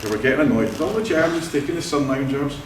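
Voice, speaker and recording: A man's voice: mid-range voice, lively intonation, fast talker, noisy background. A Scottish man leading a vow renewal ceremony, telling family stories in a jovial way and laughing often. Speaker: wedding celebrant. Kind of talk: ceremony speech with anecdotes. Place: church hall. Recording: echoey room, mic at a distance.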